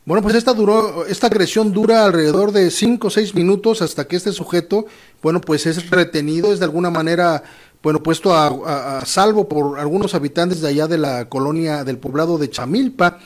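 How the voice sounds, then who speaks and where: Indignant news host. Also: male voice, a little high, a little fast. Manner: indignant, editorializing, with fillers. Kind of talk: news commentary.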